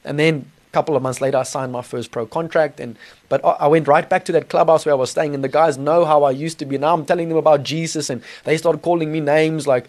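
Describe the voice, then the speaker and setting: A man's voice: a little high, steady tone, quick pace, darkish tone. A man with a South African accent giving a personal testimony in an informal, earnest, conversational way with colloquial slang. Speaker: podcast guest telling his testimony. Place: small studio.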